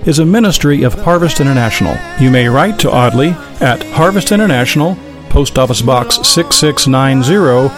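A man's voice: medium pitch, lively intonation, moderate pace. A man reading a formal closing announcement for a radio ministry program. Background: music.

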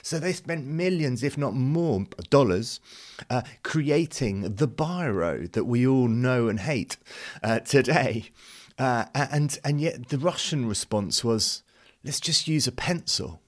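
A man's voice: medium pitch, expressive, takes it slowly. Male podcast host from the UK, earnest and conversational, devotional talk with plenty of fillers. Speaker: youth ministry podcast host.

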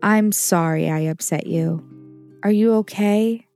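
A woman playing a caring mother who calmly explains kitchen safety to her child in a children's show. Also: mid-range voice, takes it slowly, faint music behind. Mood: reassuring. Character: caring mother, warm and reassuring.

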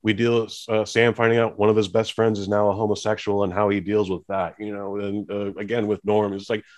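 A man with a fairly low voice hosts a casual podcast chat. He talks in an animated way and acts out the scenes he describes. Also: brisk, muffled recording. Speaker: podcast host.

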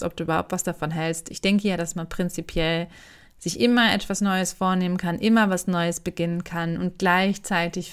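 A woman, hosting her own podcast as a voice coach in a relaxed, chatty way with frequent fillers. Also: fairly low pitch, clear, resonant tone. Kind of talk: casual solo podcast talk.

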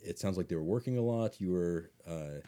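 A man hosts an interview in a relaxed way, affirming his guest and following up with careful questions. His voice is very deep and mellow. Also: fairly quick. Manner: attentive, affirming, asks probing follow-up questions. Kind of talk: casual interview.

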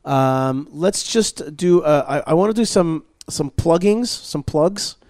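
A man's voice: fairly high pitch, animated, slow, darkish tone, no room sound, clean studio sound. A man hosting a radio talk show, chatting casually and doing sponsor plugs with many restarts and fillers. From Israel. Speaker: podcast host. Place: studio at a learning center.

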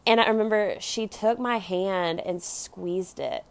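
This podcast host is a young American woman whose Valley Girl accent and lilting uptalk carry her casual, confessional personal stories. She speaks in a mid-range voice at a measured pace, recorded dry. Filler words such as "like" and "you know" run all through her conversational delivery.

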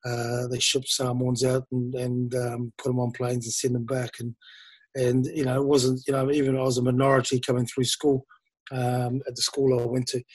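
A man's voice: mid-range voice, completely flat delivery, normal speed, slightly rough, no echo. A man in his fifties from New Zealand, a former rugby player telling his career story in a rambling interview, full of fillers and restarts.

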